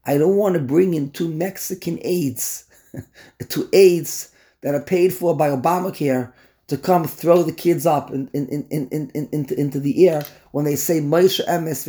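A man teaches a text class with animated energy. He often repeats words as he builds a point, and his fairly high voice stays warm and mellow throughout. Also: measured pace. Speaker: Torah teacher. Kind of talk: lecture on a text.

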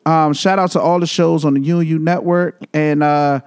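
A man's voice: fairly high pitch, fairly even intonation, darkish tone, clear, resonant tone. Laid-back man hosting a podcast. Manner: laid-back, laughs often, slows down while gathering thoughts. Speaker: podcast host. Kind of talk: casual podcast chat.

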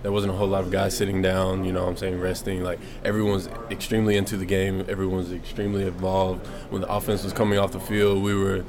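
A young man, a college football player, talking in a relaxed post-game interview. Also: deep voice, fast talker, few pauses, a crowd in the background. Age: young adult. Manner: relaxed, says "you know what I'm saying".

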